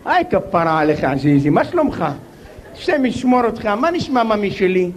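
A man's voice: high voice, very animated. A man voicing a doting older mother who showers her son with endearments. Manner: gushing endearments.

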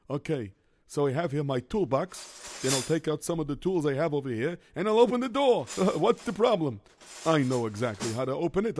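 A man's voice: fairly high pitch, a little mellow, close to an everyday voice. A man playing a bumbling handyman who talks himself through every mishap, with Yiddish exclamations scattered through his muttering. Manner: rambling self-talk, sprinkled with Yiddish exclamations. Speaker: lunch driver. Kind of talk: children's comedy sketch.

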